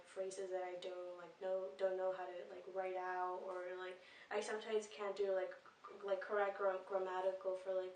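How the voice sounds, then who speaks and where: Young woman, distant in a roomy space. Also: medium pitch. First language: Spanish. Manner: rambling, many fillers and restarts. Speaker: interviewee. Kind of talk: casual interview answers. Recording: roomy, distant mic with faint hiss.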